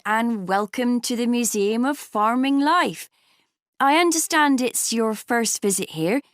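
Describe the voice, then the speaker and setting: A museum guide greeting a group, talking clearly and informatively with a slightly high voice. The recording is dry and close, with no room sound. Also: female voice, no room sound. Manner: clear, informative welcoming address. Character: friendly female farming museum guide addressing visitors. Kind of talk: scripted exam monologue.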